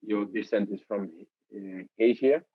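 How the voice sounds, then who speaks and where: A low-voiced man hosts a casual interview, pausing often and searching for words. His voice comes through dull and lo-fi, with a dry, close sound. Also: slightly rough, no echo. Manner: halting, searching for words, many fillers. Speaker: head coach, host.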